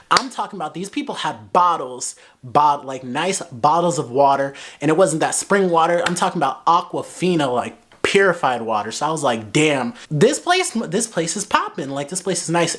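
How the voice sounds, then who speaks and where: A young American man casually telling a personal story in an animated, slangy way, dramatizing as he goes. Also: fairly high pitch. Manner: animated, slangy, dramatic retelling with acted-out dialogue.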